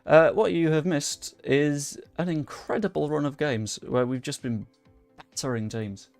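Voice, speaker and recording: A young gaming YouTuber plays a football management game, chatting casually to his viewers and cursing under his breath. His voice is on the high side and darkish in tone, with vocal fry, and he speaks a little slowly. The mic is close and dry, with game music playing behind.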